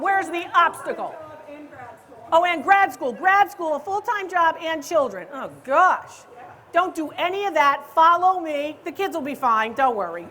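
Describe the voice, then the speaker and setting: A woman who appraises antiques and hosts a comedy show, teasing and ribbing her audience loudly and playfully on a live stage. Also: sits high. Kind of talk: live stand-up style crowd banter.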